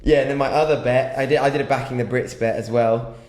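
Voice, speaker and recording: A man's voice: mid-range voice, steady tone, fast, a little mellow. Brief: British man, casual podcast co-host, hesitant and chuckling, roomy sound. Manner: laid-back, hesitant with ums and self-mocking laughs. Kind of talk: casual chat. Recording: echoey room.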